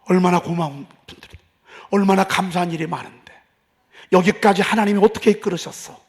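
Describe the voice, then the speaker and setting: A man preaching a sermon as pastor, passionate, moving from hushed talk to loud outbursts. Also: high voice, fairly quick. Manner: impassioned, swings from hushed to shouting.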